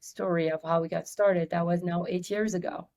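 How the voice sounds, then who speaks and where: A woman from Belgium with a Belgian accent, a company's CEO and guest on an interview podcast, telling her story in a lively way with many filler ums. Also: lowish voice, moderate pace, a little hiss or hum. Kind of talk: casual interview chat.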